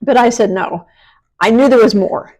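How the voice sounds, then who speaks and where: American woman with soft, w-like R sounds. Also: a little high, normal speed. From small-town Pennsylvania, United States. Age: middle-aged. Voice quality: speech impediment on R and S sounds, r leaning toward w. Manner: self-deprecating, colloquial, frank. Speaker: podcast host and women's empowerment coach. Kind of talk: candid motivational monologue.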